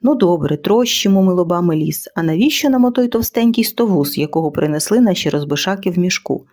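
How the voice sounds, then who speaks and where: A woman's voice: on the low side, lively intonation, a little fast, a little mellow. A woman voicing a simple-minded, curious male cave guard who keeps asking naive questions. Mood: puzzled.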